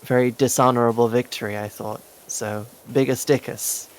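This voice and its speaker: A man's voice: mid-range voice, steady tone, normal speed, slight background noise. A man chatting casually during a game stream, laughing often and rambling through asides. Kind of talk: casual gameplay chat.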